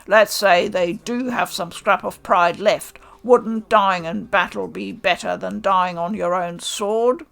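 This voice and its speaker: A woman's voice: mid-range voice, takes it slowly, gravelly, few pauses, fairly bright tone. A woman voicing a stern, harsh male samurai commander who scolds with contempt. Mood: scornful.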